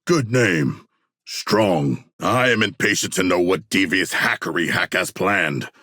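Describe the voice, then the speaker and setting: An actor voicing a huge, earnest, bloodthirsty humanoid shark warrior for a video game, speaking gravelly, formal and grandiose lines. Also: male voice, low voice, measured pace, bright, forceful tone, no room sound, clean studio sound, full character voice. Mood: solemn, eager. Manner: formal, stilted, grandiose diction. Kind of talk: video game character voice acting.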